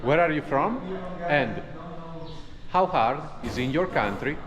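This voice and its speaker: A man hosting a casual tech tutorial, walking through code in a relaxed, plain explanatory way. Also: fairly high pitch, takes it slowly, crowd noise. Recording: echoey with long reverb and faint noise.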